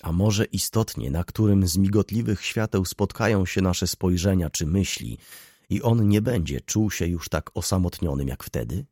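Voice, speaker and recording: A man narrating a classic novel as an audiobook in a measured, expressive reading. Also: deep voice, husky, no echo, clean studio sound.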